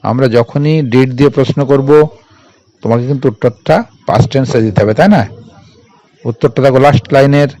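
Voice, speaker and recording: A man's voice: medium pitch, normal speed, warm tone, no room sound, low-quality recording. A man with a Bengali accent teaching a primary school English class online, spelling words letter by letter and repeating each answer. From India.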